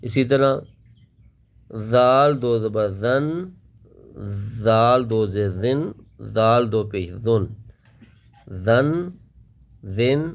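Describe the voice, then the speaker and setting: A man's voice: medium pitch, fairly even intonation, long pauses, smooth, dull audio. A man teaching Quran letter pronunciation, explaining each sound and then drilling it syllable by syllable. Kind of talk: slow step-by-step recitation lesson.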